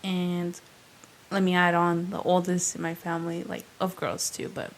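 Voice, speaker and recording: A young adult woman co-hosts a podcast, chatting casually, laughing easily and using lots of fillers like "like" and "um." Her voice is on the low side and monotone at a normal speed, with a little hiss or hum in the recording.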